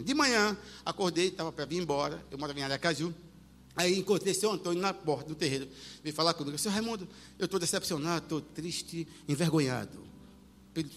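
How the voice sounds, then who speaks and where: A man preaching a sermon, telling a story with animated delivery, acting out voices and sometimes shouting. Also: high voice, slight background noise. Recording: long hall reverb with faint music.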